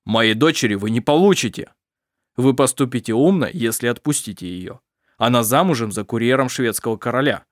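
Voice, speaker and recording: A man's voice: medium pitch, lively intonation, brisk, no echo, studio quality, lightly acted. A man reading the lines of a worried, protective father in a firm, earnest voice, in a storybook reading. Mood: earnest worry.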